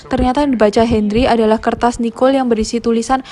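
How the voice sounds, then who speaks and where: A woman retelling a film plot as a recap narrator in a plain, steady way. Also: on the high side, quick pace. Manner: plain, steady retelling with a brief casual aside at the end.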